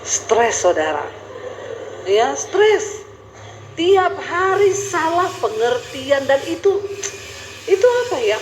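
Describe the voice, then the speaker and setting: A middle-aged woman pastor with a Sulawesi Indonesian accent, telling stories in an animated sermon with high rising tones. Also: slow pace, pauses often, echoey room, slight background noise, low-quality recording. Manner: animated storytelling, high rising tones, addresses congregation as saudara.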